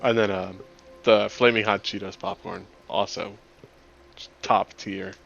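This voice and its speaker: Gravelly-voiced man running a tabletop game. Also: fairly low pitch, steady tone, a little slow, a bit bright, lo-fi sound, soft background music. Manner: rambling, chatty, laughs often. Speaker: game master.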